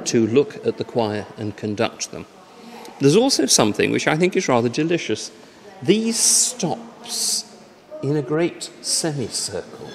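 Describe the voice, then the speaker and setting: An Englishman in his sixties with an English accent, guiding a tour of a church organ, enthusiastic and descriptive, speaking into a handheld mic in a large church. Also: medium pitch. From England. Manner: warm, enthusiastic and descriptive, with lilting emphasis. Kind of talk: guided tour talk. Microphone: handheld microphone.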